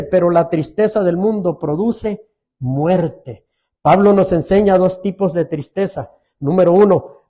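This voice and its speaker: A man's voice: high-pitched, mellow. A middle-aged man preaching a sermon as pastor, earnest and pleading, often asking his congregation questions.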